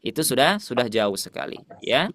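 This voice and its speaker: A man's voice: medium pitch, sing-song, normal speed, fairly bright tone, no echo, studio quality. A man teaching Quran recitation to a class, asking questions and repeating the answers.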